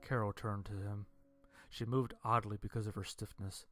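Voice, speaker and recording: A man narrating a first-person horror story in a dry, deadpan way. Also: on the low side, moderate pace.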